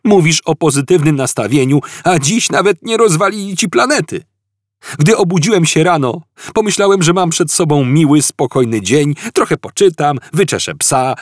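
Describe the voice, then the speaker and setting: A man reading an audiobook, voicing a panicky, put-upon Englishman who wails and complains in a shrill voice. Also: expressive, normal speed, no echo, studio quality. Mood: indignant.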